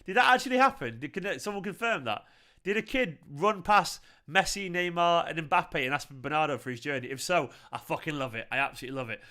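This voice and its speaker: A man with a Manchester accent, hosting a live football fan reaction stream, chatting excitedly and swearing while reading viewer comments. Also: on the high side, fairly quick. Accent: Mancunian. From Manchester, England. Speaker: football fan channel host.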